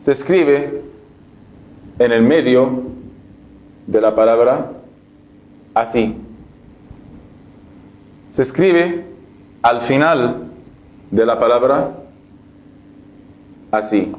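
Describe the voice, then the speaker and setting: In a recorded Arabic letters lesson, a man with a darkish mid-range voice speaks extremely slowly, pausing often, and the audio sounds dull. He works step by step, poses questions and answers them himself, and repeats each syllable over and over for the learner to copy.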